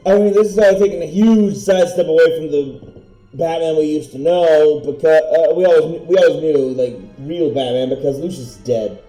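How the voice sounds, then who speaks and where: A man's voice: a little high, moderate pace, warm tone, echoey room, faint music behind, low-quality recording. A man streaming a game live, thinking aloud in a musing, hesitant way. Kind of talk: live gameplay commentary.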